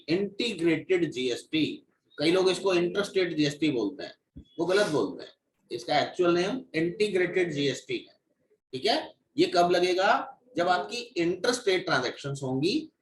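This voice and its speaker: Male instructor, fairly high voice, classroom lecture, recorded from across a roomy space. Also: a little hiss or hum. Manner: explains step by step, checks in with "ठीक है". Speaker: GST course instructor. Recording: echoey room, mic at a distance.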